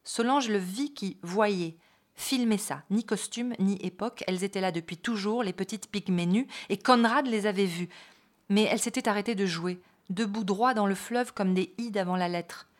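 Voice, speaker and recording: Woman reading a novel out loud, expressive, drops little side comments now and then, middle pitch. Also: normal speed. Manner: expressive reading with brief spoken asides. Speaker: reader.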